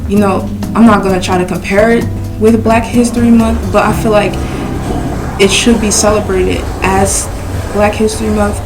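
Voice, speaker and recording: Halting teen girl host. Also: medium pitch, flat delivery, music in the background. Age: teens. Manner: casual, halting. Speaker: student host. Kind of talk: casual panel talk.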